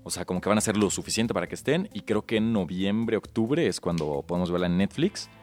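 A man's voice: deep voice, animated, fast, darkish tone, soft background music. A man with a Mexican accent co-hosting a podcast, chatting casually about films in a slangy, explanatory way. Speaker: podcast co-host.

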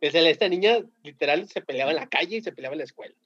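A Mexican man, a teacher, telling animated anecdotes in slangy casual talk with a Mexican accent and frequent laughter. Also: on the high side, rapid-fire, husky. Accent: Mexican Spanish. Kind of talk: casual podcast storytelling. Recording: dull lo-fi sound.

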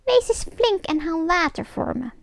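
A woman voicing a wicked, scheming old witch in a storybook reading, with a shrill, strained, airy voice and a sly, mocking manner. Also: sing-song, normal speed, creaky, dry recording, heavily acted. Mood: bossy. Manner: sly and mocking, barking orders.

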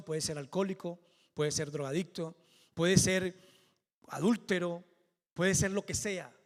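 A male pastor preaching a sermon with fervour, building to near-shouted climaxes. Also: high voice. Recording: long hall reverb.

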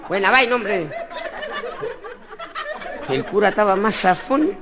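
A man telling jokes as a stand-up comedian, animated and chuckling. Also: high voice, takes it slowly, long reverb tail. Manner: animated, jumps into voices, chuckles. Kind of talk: joke telling to an audience.

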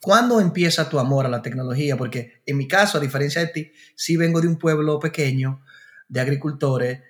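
A man's voice: fairly high pitch, brisk. A Dominican man hosting a podcast, introducing his guest and asking open questions in a friendly way. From Dominican Republic. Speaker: podcast host. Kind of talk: podcast interview. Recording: music bed clearly heard.

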